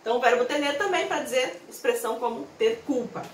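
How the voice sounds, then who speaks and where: A woman teaching a language class, patiently explaining and slowly repeating each verb form. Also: on the high side. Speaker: Spanish teacher. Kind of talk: explanatory lesson. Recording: roomy, from a distance, faint hum.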